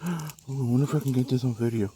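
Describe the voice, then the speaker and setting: Male vlogger, relaxed dark tone, heavy breather, casual unhurried murmuring outdoors with faint ambient noise. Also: medium pitch. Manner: unhurried, murmured remarks while walking around. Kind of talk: casual outdoor vlog, rambling to viewers. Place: outdoors in a yard with cicadas. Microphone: handheld phone. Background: faint outdoor ambience, cicadas.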